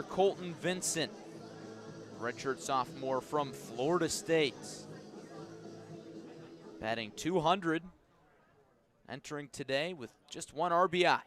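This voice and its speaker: A male baseball announcer gives live radio play-by-play, keeping things measured while pitchers set up and growing excited as the action breaks.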